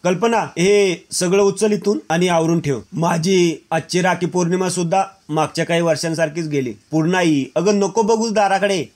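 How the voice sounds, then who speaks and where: A man's voice: high-pitched, moderate pace, hardly any pauses, a little mellow, natural voice. A man voicing a sorrowful middle-aged father grieving his lost sister.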